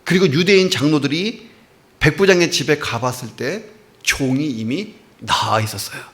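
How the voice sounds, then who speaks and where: A man's voice: on the high side, lively intonation, normal speed, fairly bright tone. A man preaching a sermon as a church pastor, emphatic and often opening his lines with a short "well, now". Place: church sanctuary.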